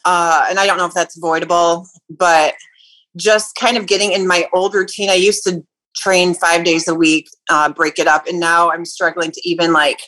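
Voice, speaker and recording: A woman calling in to a radio show, her voice sitting fairly low for a woman. She talks in a casual, halting way and often pauses with fillers as she looks for the right words. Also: level tone, a bit bright, poor audio. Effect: caller phoning in to a radio show. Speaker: personal trainer calling in with a question. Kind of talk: casual call-in chat.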